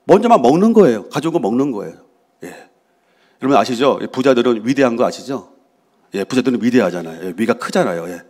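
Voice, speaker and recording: Lively Busan church pastor preaching. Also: male voice, fairly high pitch. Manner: lively, conversational, asks the congregation questions and answers himself; acts out voices of quarreling people. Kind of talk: sermon. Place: church sanctuary.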